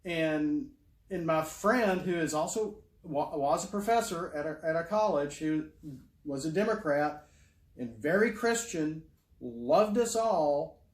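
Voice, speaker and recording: A man's voice: fairly high pitch, animated, measured pace, reverberant. A middle-aged man rambling in a casual monologue, full of fillers and restarts. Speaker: YouTuber.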